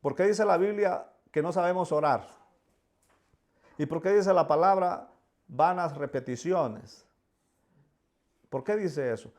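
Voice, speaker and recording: A man's voice: on the high side, unhurried, pauses often, a little mellow. A man preaching a sermon with fervor, voicing pleading prayers and often repeating words.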